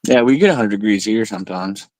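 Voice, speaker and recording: Laughing a lot and cursing without restraint, a late-thirties man talks in a relaxed chat. He speaks fast in a lowish, somewhat mellow voice; the audio is poor but free of echo.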